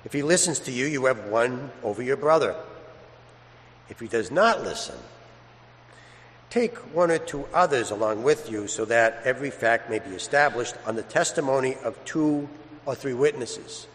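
Priest with a long cathedral echo. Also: male voice, mid-range voice, expressive, moderate pace, fairly bright tone, slight background noise. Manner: conversational, uses everyday examples and acted-out asides. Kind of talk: gospel reading and homily. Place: large church. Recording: echoey church with long hall reverb.

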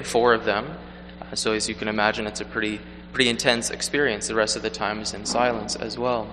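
Bright-voiced man preaching in cathedral echo. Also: medium pitch. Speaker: clergyman preparing for priesthood, preaching at Mass. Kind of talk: liturgical reading and reflective sermon. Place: large reverberant church interior. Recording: cathedral-like echo, long hall reverb, background noise.

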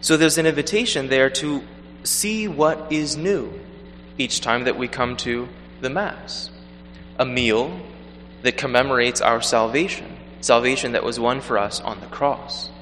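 A man speaking as a clergyman at Mass in a measured, deliberate way, his voice echoing through a large church. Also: medium pitch, a bit bright. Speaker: clergyman preparing for priesthood, preaching at Mass. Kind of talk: liturgical reading and reflective sermon. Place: large reverberant church interior. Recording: cathedral-like echo, long hall reverb, background noise.

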